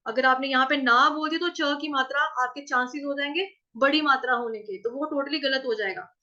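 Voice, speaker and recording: A woman teaching Sanskrit verse pronunciation, patiently repeating syllables, chanting lines slowly and asking if everyone follows. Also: high-pitched, sharp tone, lo-fi sound. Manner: patient, repeats syllables and asks checking questions. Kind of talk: recitation lesson with chanted verse examples.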